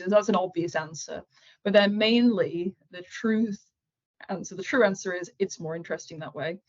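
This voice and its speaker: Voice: medium pitch, a little mellow, muffled recording. A person in their twenties, a series creator answering interview questions in a frank, matter-of-fact, self-assured way. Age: 20s.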